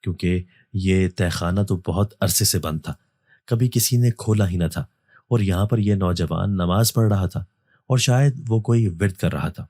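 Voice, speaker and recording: Deep-voiced man narrating a horror story. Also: darkish tone, dry recording, clean studio sound.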